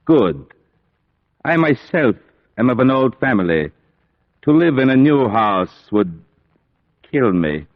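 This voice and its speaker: A man's voice: mid-range voice, big pitch swings, slow, long pauses. A man acting an ancient aristocratic vampire count in an old radio play, courteous yet menacing, speaking formally and grandly. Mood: brooding. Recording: dull vintage radio recording.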